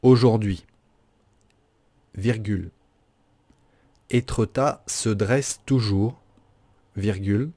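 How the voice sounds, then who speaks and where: A man's voice: lowish voice, drawn-out words, long pauses, mellow. A man dictating as a teacher does, phrase by phrase, carefully articulated, with punctuation spoken aloud and each sentence repeated.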